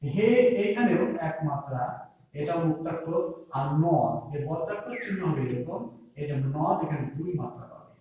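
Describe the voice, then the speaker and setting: Bangladeshi teacher in an echoey room. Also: male voice, a little high, mellow. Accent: Bangladeshi Bengali. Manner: patient, counts syllables aloud slowly. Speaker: school teacher. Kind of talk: classroom lesson on poetry meter. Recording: echoey room, voice a bit far from the mic.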